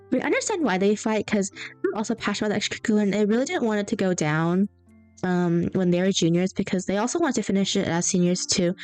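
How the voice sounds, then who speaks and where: Drawing on stream with faint music behind her, a young woman rambles casually through her stories. She's a young adult with a medium-pitched, darkish voice.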